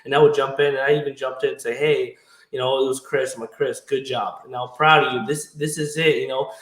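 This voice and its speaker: A man's voice: medium pitch, little pitch movement, fairly quick, fairly bright tone. A man born in Ukraine, a trucking company owner, talking earnestly as a podcast guest in loose, restarting sentences. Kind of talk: casual interview talk. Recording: roomy echo.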